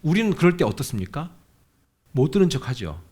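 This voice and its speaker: A man's voice: a little high, big pitch swings, fairly quick, darkish tone. A male senior pastor preaching a sermon in a conversational way, often asking the congregation questions and acting out the voices he quotes. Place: church sanctuary.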